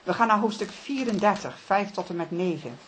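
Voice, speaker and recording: A middle-aged woman reading Bible passages aloud and explaining them to a study group in a calm, measured way. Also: medium pitch, a little hiss or hum. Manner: calm, measured, with occasional restarts.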